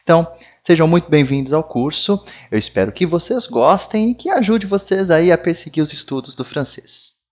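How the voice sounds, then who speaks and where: A man's voice: on the high side, lively intonation, normal speed, a little mellow. A Brazilian man with a Brazilian Portuguese accent, a French teacher giving a casual video lesson on pronunciation, friendly and often tagging his lines with "né?". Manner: friendly, repeats sounds and tags lines with "né?".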